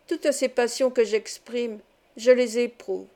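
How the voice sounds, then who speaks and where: Eager young actor in love, dreamy; a woman reads him in her own voice. Audiobook, mellow tone. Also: fairly high pitch, steady tone, slow. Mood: ardent. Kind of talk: audiobook reading.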